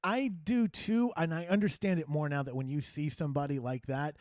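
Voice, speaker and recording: A man's voice: fairly high pitch, a little fast, darkish tone, dry recording. A man hosting a podcast in casual chat, a self-mocking, jokey storyteller. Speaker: podcast host.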